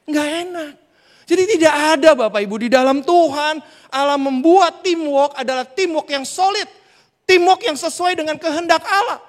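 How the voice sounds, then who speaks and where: A male preacher giving a sermon, telling a lively story and talking directly to the congregation. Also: very high-pitched, normal speed. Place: church hall. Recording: reverberant church hall.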